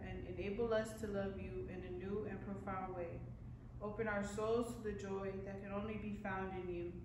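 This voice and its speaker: A young adult woman liturgist leading a prayer and creed in a measured, formal reading voice in a church. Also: mid-range voice. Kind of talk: reciting liturgy. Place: church sanctuary. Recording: very echoey room with background hiss.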